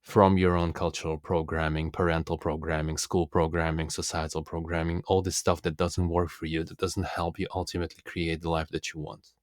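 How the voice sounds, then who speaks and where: A self-development coach and speaker whose first language is Russian gives an earnest, deliberate philosophical self-help monologue. His very low voice has a level tone with little melodic movement. The recording is dry and close, with no echo or room reflections.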